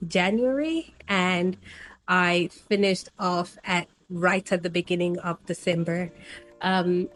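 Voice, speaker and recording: A Zimbabwean woman around her thirties chats casually to camera as a travel vlogger, meandering and saying "um" often. Her voice is on the low side, and she's using a new personal microphone set.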